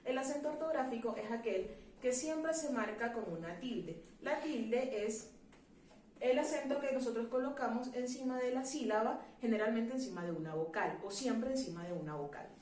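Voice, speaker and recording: A woman teacher explaining a grammar lesson in a clear, measured classroom manner, asking rhetorical questions. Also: a little high, darkish tone, roomy sound, distant mic, slight background noise.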